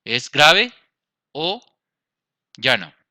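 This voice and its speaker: Bright-voiced Colombian male teacher. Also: on the high side, very animated, drawn-out words, dry recording, clean studio sound. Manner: explains step by step, asks the class "¿listo?". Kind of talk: grammar lesson over slides.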